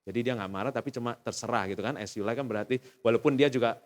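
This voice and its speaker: A man with a casual Jakarta-slang Indonesian accent preaching a sermon, telling stories and acting out the voices of people in them, his pitch swinging up and down. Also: rapid-fire. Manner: storytelling, acts out voices in quotes, animated swings up and down in pitch. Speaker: pastor. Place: church hall. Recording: long hall reverb.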